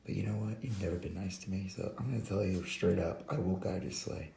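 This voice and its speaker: A hoarse man voicing a young male reindeer who stands up to his boss, close to his own low voice. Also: steady tone, fast, mellow, echoey room, slight background noise. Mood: defiant. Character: young male reindeer, fed up but proud.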